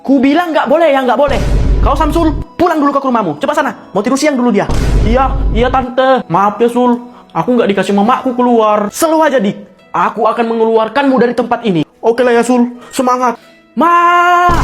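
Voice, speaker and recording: Fields: A woman acting out comic skits, playfully switching between kids and mothers, often laughing. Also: sits high. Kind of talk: comic skit acting many roles.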